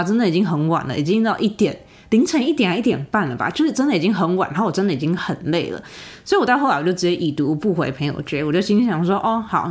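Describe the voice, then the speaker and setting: Chatty young woman telling a story. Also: fairly low pitch. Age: young adult. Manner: chatty, animated, lots of fillers and rhetorical asides. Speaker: podcast host. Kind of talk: casual storytelling monologue.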